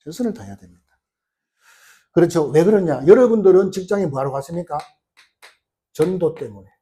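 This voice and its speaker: Emphatic Korean preacher, high lively voice. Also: male voice, a little fast. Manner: emphatic preaching with rhetorical questions; colloquial storytelling, retelling scenes. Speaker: pastor. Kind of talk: sermon.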